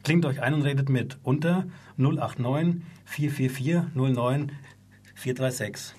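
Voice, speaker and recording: Husky-voiced male radio host. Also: mid-range voice, a little slow, darkish tone. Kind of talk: radio talk show hosting. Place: radio studio.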